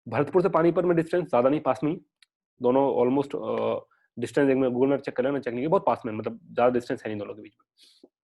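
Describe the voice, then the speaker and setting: A man's voice: on the high side, darkish tone, highs cut off. A young man teaching an exam-prep history lesson in a chatty, digressive way, mixing English terms into his talk. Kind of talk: casual online lecture.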